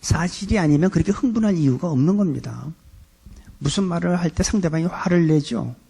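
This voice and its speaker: Gravelly, husky middle-aged male pastor. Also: a little high, animated, a little fast, warm tone. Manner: conversational preaching with acted quotes. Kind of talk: sermon.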